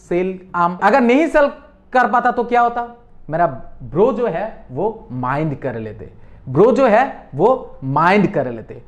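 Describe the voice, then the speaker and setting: A middle-aged man with an Indian accent teaching a memory trick as a story, quizzing listeners and repeating key words. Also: high voice. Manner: lively call-and-response, repeats key words, quizzes the viewer. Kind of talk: storytelling mnemonic lesson.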